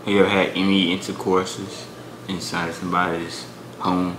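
A man's voice: low voice, little pitch movement, normal speed. A young man joking and whining at his sister in a drinking game, saying bro constantly. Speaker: vlogger. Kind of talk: casual chat during a party game. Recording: echoey room with clear background noise.

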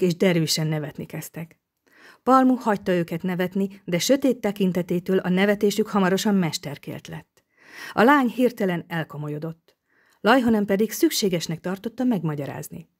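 A woman narrating an audiobook novel in a steady, even storytelling manner. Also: medium pitch.

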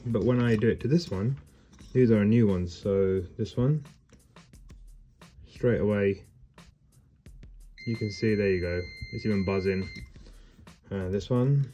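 A heating engineer casually walks through a repair while working with his hands in a customer's home, which has a wooden floor. He is matter-of-fact, with a fairly low voice, a measured pace and frequent pauses. The audio has its highs cut off and music underneath.

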